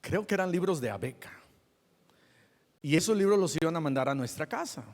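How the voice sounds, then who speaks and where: A man's voice: a little high, a little fast, long reverb tail. A man preaching a sermon as a pastor, telling stories and acting out the people in them. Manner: animated storyteller, acts out the people in his stories.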